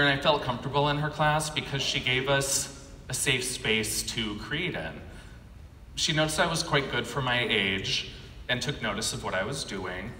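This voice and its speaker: An American animation artist in his thirties, from California, delivers a prepared autobiographical keynote from a podium on an indoor conference stage. He tells his story in measured short phrases with pauses, his mid-range voice pushed and bright. A podium gooseneck mic feeds an echoey hall PA, with faint background noise.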